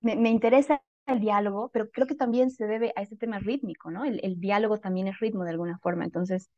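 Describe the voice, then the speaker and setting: A woman's voice: mid-range voice, fairly even intonation, fairly quick, warm tone, no room sound, lo-fi sound. A woman writer in a casual interview, speaking thoughtfully and animatedly with many fillers and self-corrections.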